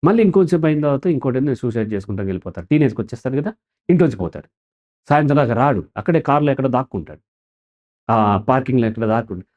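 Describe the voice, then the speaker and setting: A man of medium pitch talks very fast over dull audio. Interviewed as a counselor guest, he explains things animatedly and often raises a question before answering it on his own.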